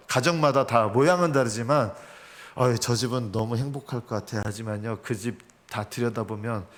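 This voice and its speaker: A man's voice: medium pitch, a bit bright. A man preaching a sermon as pastor. He asks rhetorical questions and acts out quotes. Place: church sanctuary.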